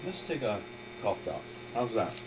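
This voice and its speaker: Speaking unhurriedly in a fairly low voice, this trader runs a live webinar despite a head cold. His market commentary is casual and rambling, full of restarted sentences as he thinks out loud. The mic sits far away, and a constant electrical hum runs underneath.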